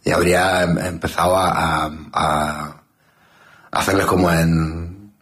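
A man with a fairly low voice holds forth in a comedic chat. He rambles, circles back on his words and builds each complaint into a mock-outraged rant, then drops flat and deadpan. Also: takes it slowly. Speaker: comedic guest. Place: newsroom studio.

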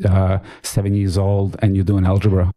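A man from Bosnia recounts his background as a radio interview guest. His voice sits low with a soft, mellow tone. He speaks haltingly, often restarting and repeating words. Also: monotone. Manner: halting, repeats words while searching for them. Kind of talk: personal life story in a radio interview.

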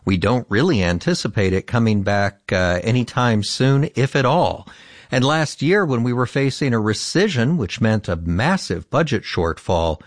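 An American man hosts a public radio fund drive in a low voice with animated intonation. He sounds earnest and appreciative, and the recording is close and dry. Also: dry recording. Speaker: local public radio host. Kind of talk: live fund drive pitch.

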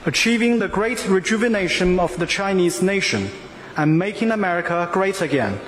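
A man giving a live interpreter voice-over of a formal speech, speaking in a measured, formal way. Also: high voice, animated, fairly bright tone. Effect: live interpreter voice-over of a played speech. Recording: echoey hall, faint background noise.

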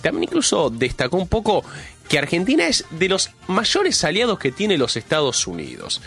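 Faint music plays behind a high-pitched male radio host whose pitch swoops wildly, with vocal fry and a fairly bright tone at normal speed. Congested with a cold, he speaks with a Rioplatense Spanish accent, starting the show from the studio with a chatty monologue and stretching words for emphasis.

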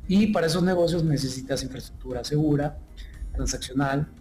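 Mellow-voiced man in his thirties from Ecuador. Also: fairly high pitch, soft background music. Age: 30s. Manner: fluent, many filler pauses and restarts. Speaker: tech startup founder, guest. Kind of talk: business interview answer.

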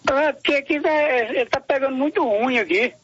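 An older man calling in to a radio program over a crackly, breaking-up cell phone line, talking in a halting, rambling way and repeating his words. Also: very high-pitched, a bit bright, no echo. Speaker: caller. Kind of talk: radio call-in prayer request. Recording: muffled phone call on radio.

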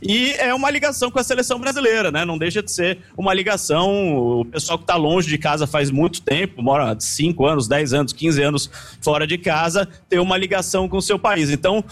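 A man with a Brazilian Portuguese accent, reporting live outside a stadium and asking fans quick, chatty questions. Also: high-pitched, a bit bright. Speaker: field reporter. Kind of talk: live street interviews.

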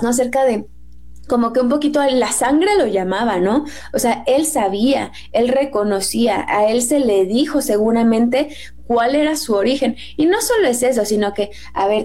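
Chatty Mexican woman, higher voice. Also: normal speed, dark tone. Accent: Mexican Spanish. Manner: chatty, acts out quotes in a raised voice. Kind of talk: casual Bible discussion.

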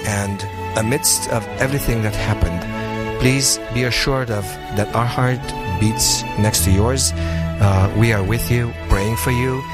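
A man's voice: medium pitch, steady tone, a little slow. A man from Hungary with a Hungarian accent, speaking hesitantly with many fillers. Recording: loud music bed behind.

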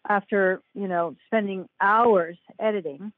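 An older woman, a guest author, joins a casual podcast chat over a tinny, phone-like remote line with a dry sound. She's enthusiastic and laughs often, speaking unhurriedly at medium pitch.

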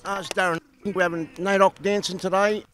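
An Australian man, a dance teacher, speaking with relaxed pride. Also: high voice, fairly quick, slight background noise. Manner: proud, relaxed. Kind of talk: interview.

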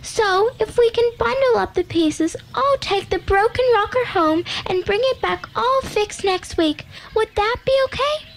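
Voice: very high-pitched, lively intonation, a little slow, few pauses, exaggerated voice. An actor playing Goldilocks as a polite, cheerful young girl in a storybook reading. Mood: apologetic. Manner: polite and chatty.

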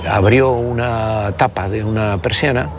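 Speaking a little slowly in a low-leaning voice with fairly even intonation, this Basque politician in his sixties, from Spain, reflects as an interview guest. He hesitates and restarts often in the conversational exchange, and there's noise in the background.

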